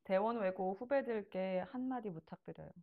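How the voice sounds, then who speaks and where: Mid-pitched woman, casual interviewer. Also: normal speed, narrow, tinny audio. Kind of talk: casual question-and-answer interview. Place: small living room, on a sofa indoors.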